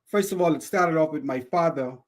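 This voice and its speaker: A man's voice: a little high, brisk. A man with a Bahamian accent, guest on an interview show, speaking with exuberant energy and frequent laughter.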